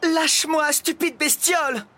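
A man's voice: high voice, expressive, normal speed, slightly rough, pitched above the performer's own voice. A man doing a cross schoolteacher lady. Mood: indignant. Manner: indignant, exasperated. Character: cross adult woman schoolteacher.

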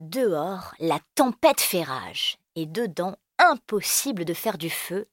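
A woman reading a children's storybook aloud, gentle and expressive. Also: lowish voice, slow, no echo, clean studio sound.

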